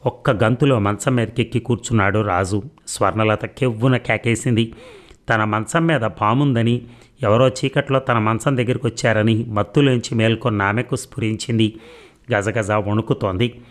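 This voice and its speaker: Low-voiced man reading a suspense serial. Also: fairly even intonation, normal speed. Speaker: narrator. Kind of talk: serial story narration.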